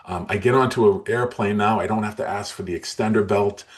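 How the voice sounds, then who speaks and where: A man in his sixties speaks as an interview guest with a very deep voice. He tells his story earnestly and emotionally, often restarting his sentences. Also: a little fast. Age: 60s.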